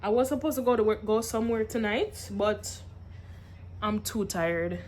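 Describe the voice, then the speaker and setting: A young woman talks to her camera at home, tired but animated as she tells her story, sighing and laughing between points. Her voice sits at an everyday middle pitch. A faint noise hangs behind her. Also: normal speed. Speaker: vlogger. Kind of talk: casual venting vlog.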